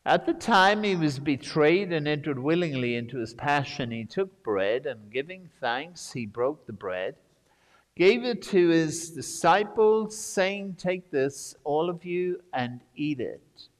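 A priest leading the prayers of Mass, intoning slowly and steadily as a cathedral echo trails after his words. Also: a little high, lively intonation. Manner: slow, measured intoning. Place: large church. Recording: long church reverb.

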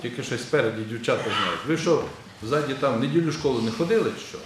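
Preaching in a vast church, this Orthodox metropolitan speaks fast and expressively in a mid-range voice, putting questions to the congregation in a conversational way. The recording is very echoey, with faint ambient noise.

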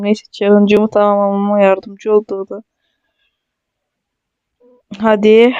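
High, chatty young gamer guy. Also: clean tone, dry recording. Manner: chatty and excitable, jokes and talks straight to viewers. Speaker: mobile gaming streamer. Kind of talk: casual gameplay commentary.

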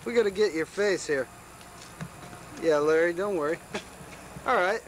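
An upbeat man behind the camcorder chats and narrates what he films. His voice is fairly high for a man. The sound comes from an old VHS home video with clear tape noise. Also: measured pace. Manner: chatty, upbeat, narrates the filming. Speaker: camera operator. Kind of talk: casual home video commentary.

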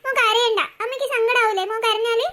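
A woman voicing a gentle coaxing cartoon mom. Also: very high-pitched, steady tone, fast talker. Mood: soothing. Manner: soothing, coaxing. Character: gentle patient young mother. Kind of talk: cartoon voice acting.

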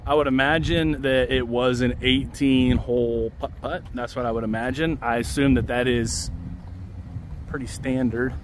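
Speaking at a moderate pace in a mid-range voice with fairly even intonation, a thirtysomething vlogger gives a casual walking tour, thinking aloud about the things he points out. He's outdoors along a busy city street, filmed on a handheld camera mic in front selfie view, with faint traffic in the background.

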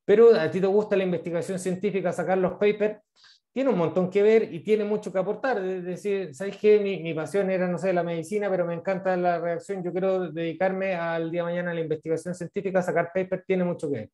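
A Chilean man in his thirties, high-pitched and mellow with a steady tone, offers casual advice as a guest speaker on international internships during an online talk. Over a video call with an earphone mic from a small indoor room, he speaks fast, full of fillers and repeated words.

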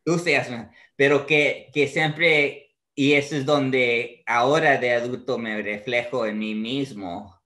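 Slow, bright-voiced thoughtful man. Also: medium pitch, steady tone. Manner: thoughtful, hesitant. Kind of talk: candid personal talk.

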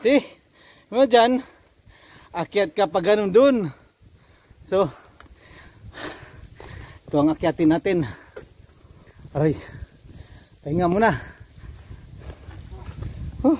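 A man's voice: sits high, takes it slowly, long pauses, a little mellow. A man vlogging casually on a rocky seashore, panting and effortful as he climbs, recorded on a handheld camera. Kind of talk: casual vlog narration.

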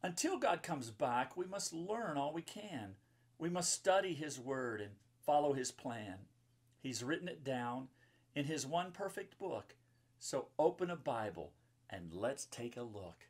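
Reading to children in a room lined with books, this fifties-aged pastor keeps his phrasing simple and explanatory, Bible story time style. His medium-pitched voice has a breathy edge, big pitch swings and a measured pace.

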